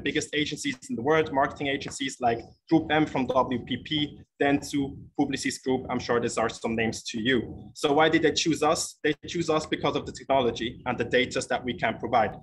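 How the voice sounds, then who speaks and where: A man giving a startup pitch presentation as a founder, speaking from an airport terminal with noise behind him. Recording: noisy airport terminal background.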